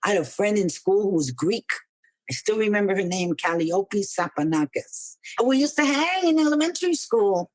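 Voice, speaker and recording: An older woman reflects on her life as a podcast guest. She is conversational and expressive at a middling pitch, recorded very dry. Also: moderate pace, no echo. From New York City. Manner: conversational, expressive, uses Spanish and Yiddish words. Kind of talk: reflective personal storytelling.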